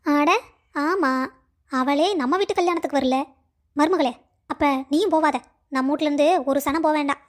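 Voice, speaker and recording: A woman's voice: high voice, steady tone, normal speed, long pauses, natural voice. A woman voicing a suspicious old mother-in-law in a cartoon story. She talks in a scolding, accusing way. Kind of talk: cartoon voice acting.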